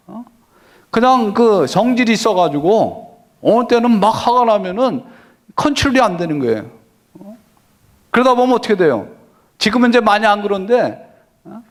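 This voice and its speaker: A middle-aged pastor preaching a conversational sermon, who keeps asking the congregation questions and answers them himself. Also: male voice, sits high. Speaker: senior pastor.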